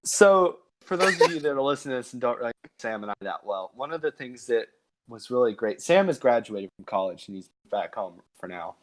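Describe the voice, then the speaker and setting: Young man, co-host, casual podcast chat, laid-back, rambling fillers, mid-pitched voice. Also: expressive, fairly quick. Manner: laid-back storyteller, lots of "like".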